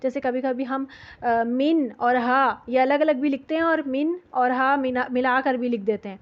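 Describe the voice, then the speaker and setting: A woman teaching Quran recitation rules, explaining patiently and repeating sounds to demonstrate them. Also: high-pitched. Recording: dull lo-fi audio.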